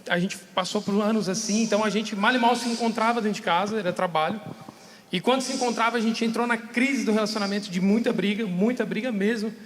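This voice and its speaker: A man's voice: sits high, quick pace, fairly bright tone, in a large hall, a little hiss or hum. A man telling a candid, emotional personal story on a live podcast. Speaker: podcast guest sharing testimony. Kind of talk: casual testimony. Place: radio studio.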